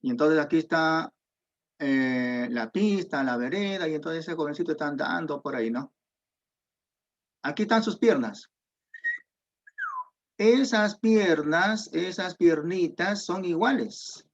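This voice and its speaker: A man's voice: a little high, unhurried. A man teaching a geometry class online, patiently explaining step by step and asking students questions. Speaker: secondary school math teacher. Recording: dull lo-fi audio.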